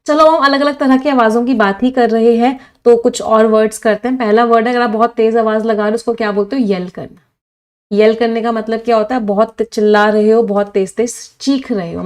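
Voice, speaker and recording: A woman's voice: a little high, darkish tone. A woman teaching English vocabulary for exams in a live online class, switching between Hindi and English and asking questions she answers herself. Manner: reads chat comments from live viewers. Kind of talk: live online exam-prep vocabulary lesson.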